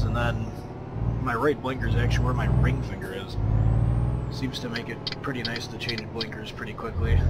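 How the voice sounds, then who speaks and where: Heavy background noise sits under this let's play commentary from a Midwestern man from Minnesota. He talks his way through a driving game in a chatty, meandering style packed with fillers, his voice in the mid range.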